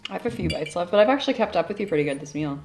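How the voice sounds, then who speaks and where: A woman's voice: fairly low pitch, expressive, rapid-fire, a little mellow, faint music behind. A woman chatting casually and playfully with her partner in a vlog, teasing now and then. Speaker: vlogger's partner.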